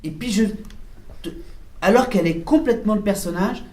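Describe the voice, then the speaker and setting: A man directing a film, telling animated anecdotes at a press conference, mimicking voices and laughing often. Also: high-pitched, fairly quick, echoey room.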